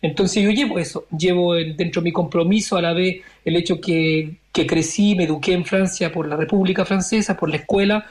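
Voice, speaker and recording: A man in his forties, born in Chile, answering interview questions as a member of parliament in a measured way, searching for his words. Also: sits high, fairly even intonation. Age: 40s.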